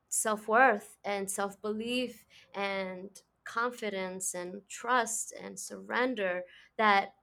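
A woman's voice: medium pitch, sharp tone. A woman hosting a podcast interview, effusive and chatty, often restarting her sentences. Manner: effusive, many restarts and laughs. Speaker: podcast host. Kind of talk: casual interview chat.

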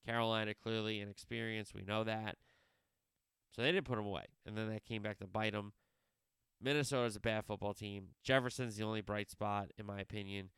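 A man's voice: on the low side, steady tone, fairly quick, fairly bright tone, smooth, dry recording, studio quality. A man hosting a solo sports podcast, previewing games in a rambling way, wandering off on tangents and correcting himself as he talks.

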